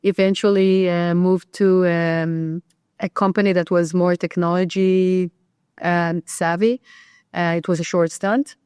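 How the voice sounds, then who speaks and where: A woman from Israel, a real estate agent guest on a podcast, talking conversationally with many ums and pauses. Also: on the low side, little pitch movement, a little mellow, clean tone, dry recording. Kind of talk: podcast interview.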